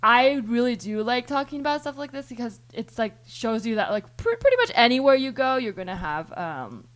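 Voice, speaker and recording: A woman's voice: on the high side, very animated, a little fast. A woman hosting a podcast, thinking aloud in long rambling turns full of restarts and the odd swear word. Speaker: podcast host. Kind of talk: casual chat.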